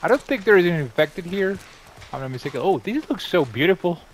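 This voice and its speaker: A man's voice: sits high, big pitch swings, brisk. Upbeat male gaming host, rambling asides while he plays, faint game noise under him. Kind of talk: casual gameplay commentary.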